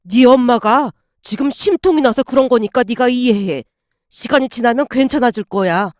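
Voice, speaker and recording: A gentle father speaks softly to comfort his daughter. The voice stays high and the sound is dry and close, as a woman narrator reads his lines. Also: moderate pace, no room sound, close to an everyday voice. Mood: consoling. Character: gentle, worried older father.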